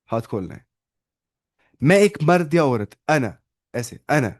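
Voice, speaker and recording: A man's voice: mid-range voice, sing-song, slow pace. Man drilling Arabic pronouns in Hindi. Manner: repetitive drilling with hand gestures; asks students questions often. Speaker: Arabic teacher. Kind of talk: online lesson, explaining grammar in Hindi.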